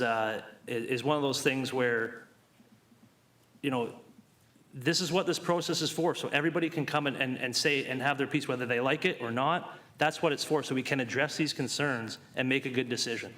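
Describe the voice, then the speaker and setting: Man chairing a council meeting, bright crisp voice, firm and measured. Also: medium pitch. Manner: measured, firm, addresses people as sir. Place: council chamber.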